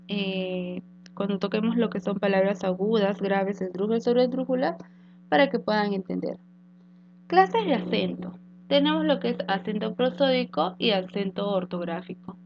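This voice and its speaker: A woman's voice: mid-range voice, expressive, normal speed, gravelly. A woman teacher giving a recorded grammar lesson, explaining step by step with rhetorical questions and small fillers. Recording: dull lo-fi with mains hum.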